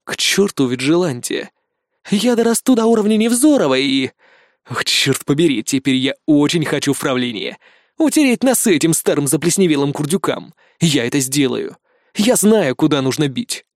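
A man's voice: fairly high pitch, sing-song, normal speed, no echo. A male reader playing an angry, defiant young man who snarls and swears sarcastically, on a dry close mic. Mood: scheming.

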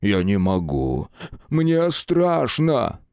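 A man's voice: mid-range voice, very animated, measured pace, darkish tone, dry recording, studio quality. A man voicing a big, cowardly brute who whines and pleads in an audiobook. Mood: whining, pleading. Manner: whiny and pleading.

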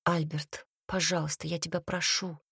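A woman's voice: on the low side, steady tone, normal speed, a little mellow, slightly rough, dry recording, clean studio sound. A woman reading the part of a self-sacrificing young woman in a storybook, speaking in an earnest, pleading way.

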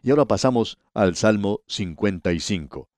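A man giving a scripted radio Bible study, addressing the listener and reading scripture in a measured, deliberate way with slow emphasis. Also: on the low side, animated, a little mellow, no echo.

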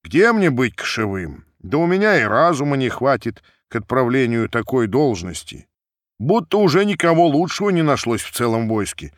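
Man reading as a modest shrewd old Cossack man, lively pitch, dry sound, audiobook. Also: moderate pace, no room sound, natural voice. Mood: humble. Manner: modest, self-deprecating. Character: humble, shrewd aged male Cossack.

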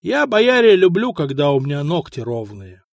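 A man's voice: on the high side, wildly swooping pitch, moderate pace, gravelly, dry recording, exaggerated voice. A man reading an audiobook, voicing an unbothered half-breed lord who mocks the rebels in an offhand way. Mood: mocking. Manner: offhand, mocking. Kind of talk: audiobook character voice.

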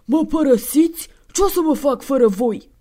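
A woman's voice: high voice, expressive, warm tone, voice pushed up. Santa Claus, a woman playing a weepy old man. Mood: pleading, tearful. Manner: whimpering, begging.

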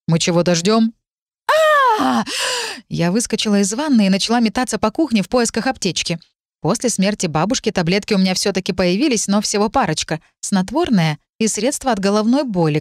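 A woman reading a first-person story aloud as audiobook narrator, even and measured. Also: medium pitch, no room sound, studio quality.

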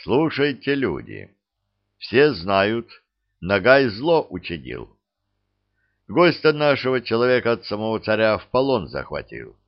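A man's voice: lowish voice, huge pitch swings, measured pace, vocal fry, muffled recording, heavily acted. A man voicing a stern Cossack ataman.

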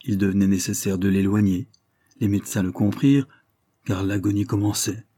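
A man reading a classic novel aloud in a measured, literary narration. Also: lowish voice, fairly even intonation, mellow, no room sound, clean studio sound. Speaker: audiobook reader.

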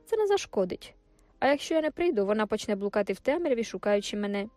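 A woman's voice: medium pitch, big pitch swings, quick pace, a little mellow, no echo, soft background music, close to an everyday voice. Woman doing a cocky mocking young sergeant. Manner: mocking, offhand. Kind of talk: audiobook character voice.

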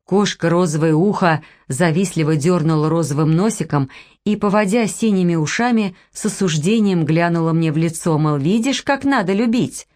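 Woman narrator, low voice, playful expressive audiobook reading. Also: moderate pace.

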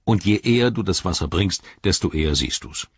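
A man's voice: low-pitched, expressive, a little fast, slightly rough, no echo. A man voicing a blunt, grumbling male hobbit servant. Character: stout-hearted gruff male hobbit servant. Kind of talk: audiobook character voice.

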